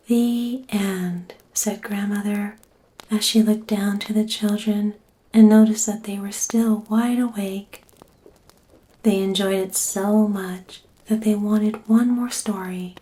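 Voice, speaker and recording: A woman reading a bedtime story in a soft, breathy, whispery voice, gently and soothingly. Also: mid-range voice, flat delivery, low-quality recording. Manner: gentle, soothing, unhurried delivery.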